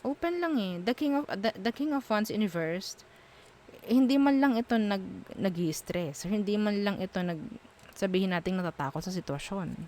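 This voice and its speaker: A woman's voice: mid-range voice, animated, normal speed, a little mellow, a little hiss or hum. A woman doing a casual tarot reading, frank and musing as she thinks aloud between the cards. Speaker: tarot reader.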